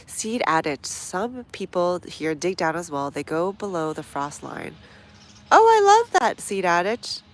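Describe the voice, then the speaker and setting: A woman with a stuffy nose hosts a casual outdoor gardening livestream. Her low voice swings widely in pitch at an unhurried pace as she chats with viewers and reads their comments aloud while working.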